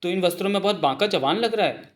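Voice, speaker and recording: A man's voice: high-pitched, lively intonation, fast, voice pushed up. A man voicing a doting mother elephant. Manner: fussy, coddling. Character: lovesick mother elephant, poor-sighted, doting. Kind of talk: Hindi comic dub.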